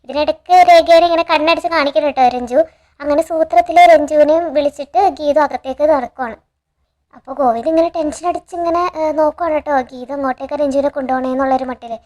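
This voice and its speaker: Rapid high-voiced woman recapping a serial. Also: darkish tone. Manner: chatty, tags sentences with a friendly filler; quick, eager storytelling with quoted dialogue. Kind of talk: casual episode retelling.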